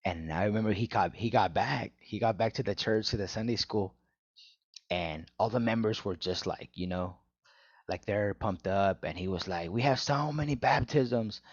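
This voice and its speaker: Man co-host, lowish voice, animated storyteller; dry, slightly muffled home-mic sound. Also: normal speed, no echo. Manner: animated storyteller, says "bro" a lot. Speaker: former church member, co-host. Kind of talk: casual podcast chat.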